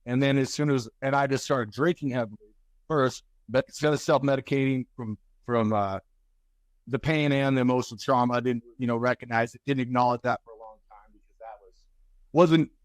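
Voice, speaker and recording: Speaking with a mid-range voice on a recording free of room sound, a guest author and speaker in his forties gives a candid interview. His delivery is halting, full of restarts, and turns lively during anecdotes.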